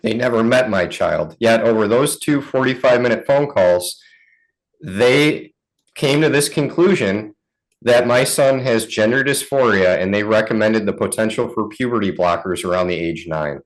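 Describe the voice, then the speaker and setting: A father giving an interview, recounting events in a measured, earnest way. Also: lowish voice, poor audio. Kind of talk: interview answers.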